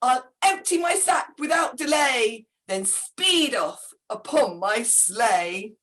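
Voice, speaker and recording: A woman voicing a flustered, hiccuping old Father Christmas in a rhyming storybook reading, exclaiming loudly and pleading. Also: fairly high pitch, lively intonation, slow.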